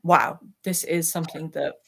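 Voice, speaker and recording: Her voice sits low with vocal fry, keeping a steady tone and moderate pace. This peace activist, a guest in an online interview, gives a heartfelt, earnest reflection on her personal story from a small attic room at home, heard via her computer mic on a video call.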